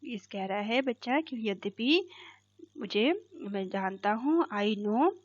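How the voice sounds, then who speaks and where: Speaking Hindi, a woman teaches an English poem one line at a time, pausing to confirm each idea with "theek hai" and reading the English slowly. Her expressive voice is mid-range, captured in a dull, dry lo-fi recording.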